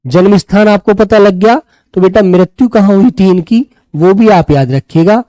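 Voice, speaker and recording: In a dry, close recording, a man from Uttar Pradesh, India, addresses students in a live online exam class with a high-pitched, mellow voice at a moderate pace. Though his throat is a bit sore, he warmly checks in with them, calling them "beta," and repeats key phrases for note-taking.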